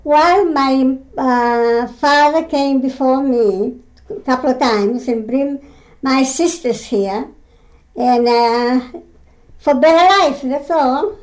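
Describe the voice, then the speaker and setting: A Greek woman in her nineties, a retired mill weaver, speaks slowly and haltingly in a high-pitched voice with a Greek accent during an oral history interview at her home. She uses many fillers and restarts and simple non-native grammar, and she laughs often.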